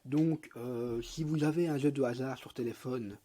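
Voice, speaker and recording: A man's voice: medium pitch, moderate pace, mellow. A young man, a lisp and a congested, cold-affected voice, giving a rambling, slangy, hesitant tutorial commentary on a mobile game. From Belgium.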